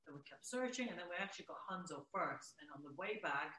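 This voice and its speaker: A woman adds details to a shared story in a casual way. Her voice is bright and sharp. She sounds echoey, with faint noise behind her. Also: lowish voice, animated, fast talker. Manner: chiming in, filling in details. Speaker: guest, dog trainer. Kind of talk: casual conversation. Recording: roomy echo with faint background noise.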